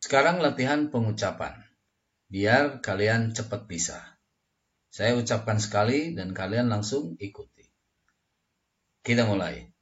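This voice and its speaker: Man, English lesson, slow careful explaining, muffled lo-fi sound. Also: on the low side, lively intonation. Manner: explains slowly, models English phrases for repetition. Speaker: English teacher. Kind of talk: language lesson.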